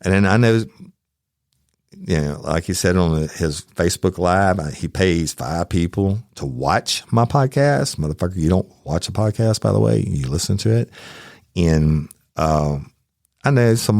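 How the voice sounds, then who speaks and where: Very deep-voiced man telling a heated story. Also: moderate pace, creaky, dry recording, clean studio sound. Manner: profane, heated and animated. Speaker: true crime podcast host. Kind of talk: casual storytelling monologue.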